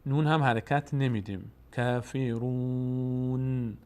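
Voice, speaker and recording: A man teaching Quran recitation step by step. He explains patiently and stretches out sounds slowly to demonstrate them. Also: mid-range voice.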